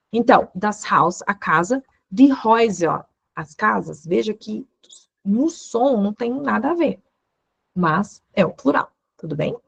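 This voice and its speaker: A woman's voice: medium pitch, gravelly, slightly rough, dry recording. A woman teaching an online lesson, explaining patiently and checking in with short questions. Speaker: law teacher giving a German course.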